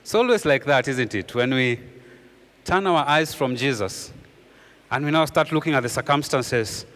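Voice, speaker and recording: A man preaching a sermon as pastor, earnestly repeating key phrases and dropping his voice low for emphasis. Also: lively intonation, moderate pace, a bit bright, in a large hall.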